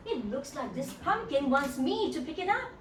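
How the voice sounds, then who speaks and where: A woman's voice: high voice, very animated, normal speed. A woman storyteller voicing a kindly, tender old woman in a folktale, with soothing, simple repeated phrases. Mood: curious. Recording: echoey room, distant mic, noisy background.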